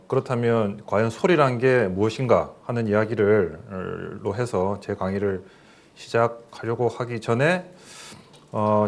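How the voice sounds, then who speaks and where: A middle-aged professor with a lowish voice delivers a recorded lecture in plain, explanatory fashion, using fillers and asking the listeners questions.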